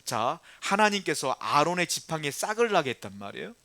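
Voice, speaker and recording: Forceful male pastor preaching. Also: on the high side, sing-song, fairly quick, no room sound. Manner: emphatic preaching with rhetorical questions to the congregation; switches between polite address and blunt plain speech. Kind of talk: sermon.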